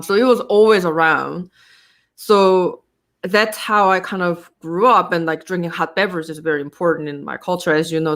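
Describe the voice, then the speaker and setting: A woman in her thirties with a Korean accent tells stories in a relaxed, meandering way, pausing often to think. Her voice sits a little low, and she talks about her life at an easy pace. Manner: frequent fillers and restarts, relaxed storytelling. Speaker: guest. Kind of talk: casual interview chat.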